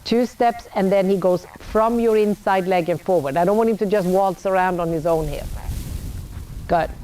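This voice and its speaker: A woman coaching a riding lesson, calling out brisk, projected commands in short, blunt, repeated directions. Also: mid-range voice, mellow. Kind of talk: live horse-riding lesson, calling out instructions. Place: outdoor riding arena. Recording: noisy outdoor ambience.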